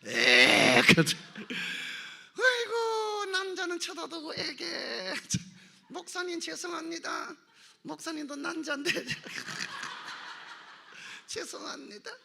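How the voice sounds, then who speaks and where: A woman leading worship in a church, animated and comic, breaking into shouted exclamations. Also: extremely high pitch, takes it slowly, vocal fry, long pauses, slight background noise. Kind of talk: lively church exhortation. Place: church sanctuary.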